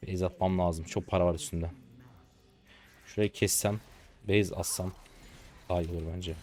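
A hoarse man in his twenties giving slangy live commentary to viewers while he plays a game. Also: sits low, fairly even intonation, a little mellow. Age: 20s. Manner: rapid slangy chatter to viewers. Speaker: gaming streamer.

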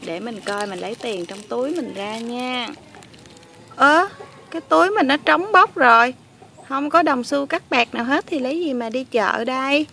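A woman's voice: sits high, normal speed, pushed and bright, a little hiss or hum. A woman voicing a whiny, dramatic doll lady who pleads and cries. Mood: surprised. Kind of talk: toy play voice acting.

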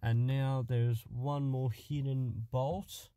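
A man's voice: medium pitch, steady tone, slow pace, noisy background. A man narrating casually while working in a cramped car footwell, muttering and swearing as he goes. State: out of breath. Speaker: car project vlogger. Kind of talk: casual work-along narration.

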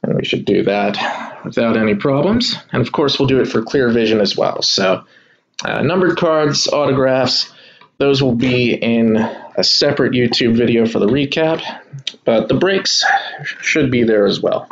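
Opening boxes at an indoor kitchen table, a man runs a live sports card break, chatting in a laid-back way and addressing his viewers as y'all. He speaks in a mid-range voice at a measured pace, and the highs are cut off.

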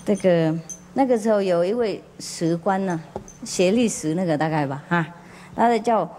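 A woman's voice: fairly low pitch, normal speed, dark tone, slight background noise. Laughing woman telling a parable. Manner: chatty and laughing, with many fillers; questions the audience directly. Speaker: spiritual teacher. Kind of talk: storytelling sermon to a gathering. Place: group meditation gathering.

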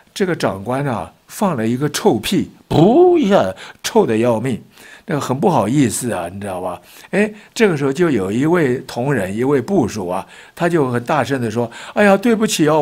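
Older man, folksy storyteller, animated pitch, mid voice. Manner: folksy, acts out quoted voices, lively emphatic delivery. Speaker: commentary show host. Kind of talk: storytelling political commentary.

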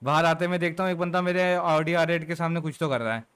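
A man's voice: on the high side, fairly even intonation, quick pace, a bit bright, clear, resonant tone. A man in casual roleplay voice chat, telling a long story and swearing freely, with filler checks between beats. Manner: keeps saying "ठीक है" between beats.

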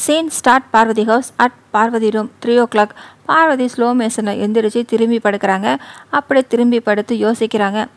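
Brief: woman storyteller, plain even read-aloud narration, fairly high voice. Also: normal speed. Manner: plain, even reading with English words mixed in. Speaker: storyteller, channel host.

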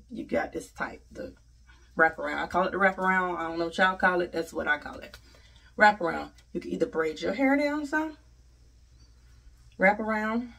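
A woman's voice: medium pitch, a bit bright. An American woman in her thirties giving a casual, chatty tutorial. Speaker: hair tutorial host. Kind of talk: casual instructional chat. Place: small home bathroom, indoors. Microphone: camera a short distance away. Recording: voice distant from the mic.

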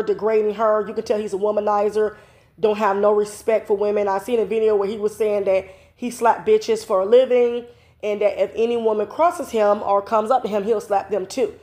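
In this indoor home vlog, a woman in her thirties with a cold-clogged nose offers chatty, confident commentary straight into a close-up phone camera. Her medium-pitched voice is a little mellow, and her opinions come wrapped in plenty of "you know" fillers.

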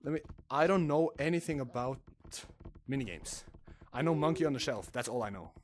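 A man's voice: medium pitch, expressive, brisk, slight background noise. A young man from Norway chatting casually while livestreaming a VR game, greeting chat and thanking subscribers. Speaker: streamer.

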